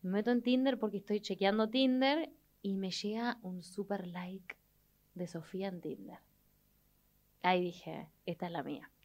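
A young adult woman with an Argentine accent, telling a personal story in an expressive way and acting out the people she quotes. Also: medium pitch, normal speed, muffled recording. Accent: Argentine Spanish. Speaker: guest. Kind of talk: animated storytelling in conversation.

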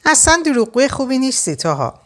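Woman doing a stubborn young man, pressing questions, raised pitch, storybook reading. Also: big pitch swings, a bit bright. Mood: insistent. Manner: insistent, questioning, confrontational.

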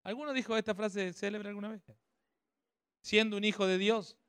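High-voiced man teaching a workshop. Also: steady tone, normal speed, fairly bright tone, clean tone, no echo, studio quality. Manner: conversational, checks with the audience often. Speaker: speaker at a family workshop.

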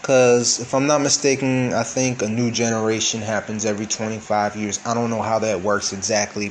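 Speaking alone and unscripted about his faith, a man in his thirties repeats himself and keeps checking in with "okay?" and "all right?" His voice sits in the mid range, with slight background noise.

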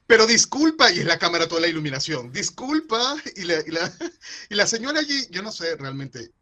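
A man's voice: on the high side, expressive, quick pace, pushed and bright. A man hosting a casual podcast, arguing emphatically, repeating himself and acting out remarks. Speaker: podcast host. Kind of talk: casual, animated debate.

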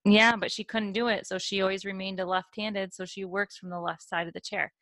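A woman co-hosting a relaxed chat, mixing practical advice with dry jokes. Her voice sits at an ordinary middle pitch and is recorded close and dry. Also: brisk, dry recording. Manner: wry, joking, advice-giving. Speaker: dental assistant, podcast co-host. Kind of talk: casual chat.

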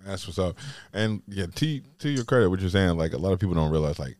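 A man's voice: low-pitched, lively intonation, fast talker, a little mellow, no echo. A man hosting a podcast, chatting casually and rambling with lots of "like" fillers. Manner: rambling, heavy use of "like" fillers. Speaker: podcast host.

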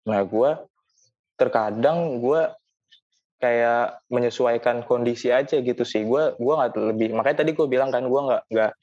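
A man's voice: mid-range voice, measured pace, darkish tone. Guy, mid voice, repeats words a lot, kinda dull audio. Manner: repeats words while searching for phrasing. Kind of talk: casual podcast chat.

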